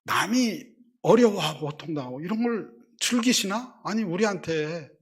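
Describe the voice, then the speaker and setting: Middle-aged pastor, husky voice, sermon delivery that swings from loud stress to near-whispered asides. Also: male voice, high-pitched, lively intonation, moderate pace. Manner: storytelling with acted-out quotes, swinging between loud emphasis and hushed asides. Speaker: senior pastor.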